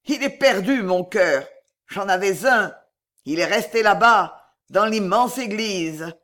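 A woman's voice: medium pitch, animated, slow pace, a bit bright. A woman voicing a haunted madwoman. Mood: brooding. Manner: hollow, muttering.

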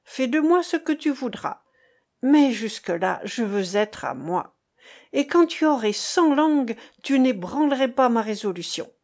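A woman's voice: fairly high pitch, animated, unhurried, darkish tone. Woman reading as a fiery young lover. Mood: passionate. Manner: impassioned, pleading. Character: passionate young woman in love, defiant. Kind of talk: audiobook character reading.

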